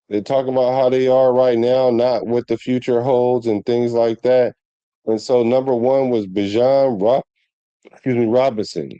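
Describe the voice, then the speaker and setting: A man hosts a casual sports show, talking in a loose, rambling way, doubling back and restarting his thoughts. His voice is dark and mellow. The sound is dry and a bit dull, like a home setup with lo-fi audio. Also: medium pitch, dry recording. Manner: rambling, conversational, with many restarts and fillers. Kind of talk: casual sports commentary to viewers.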